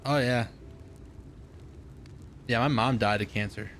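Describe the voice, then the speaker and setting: A man's voice: mid-range voice, takes it slowly, fairly bright tone, slight background noise. A man in his thirties streaming gameplay live, rambling and joking casually and swearing freely. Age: 30s.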